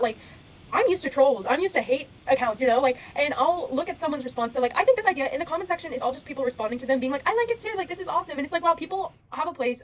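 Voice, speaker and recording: A young woman casually addressing her followers as a social media creator, rambling and gushing with lots of fillers. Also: sits high.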